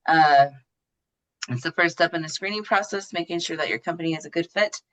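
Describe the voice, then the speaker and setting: Speaking briskly in a voice on the low side, this woman shares her know-how as a guest on a podcast, keeping the interview talk casual and informal.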